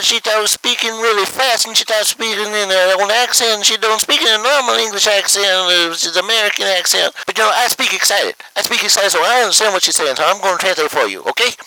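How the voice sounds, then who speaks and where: A man playing an excitable, talkative male radio caller. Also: sits high, gravelly, no room sound, full character voice, low-quality recording. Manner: bouncy, talkative.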